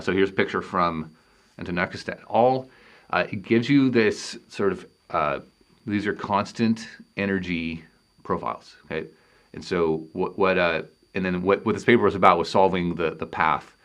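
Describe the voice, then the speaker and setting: A man from Canada giving a technical lecture, thinking aloud and restarting phrases as he works through equations. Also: deep voice. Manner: halting, thinks aloud while writing equations.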